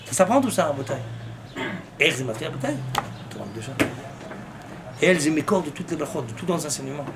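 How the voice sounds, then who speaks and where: A man's voice: fairly high pitch, animated, fast, very noisy. A man, a rabbi, giving an impassioned sermon, breaking into fervent rhetorical questions and mixing in Hebrew terms. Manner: mixes Hebrew terms into his speech.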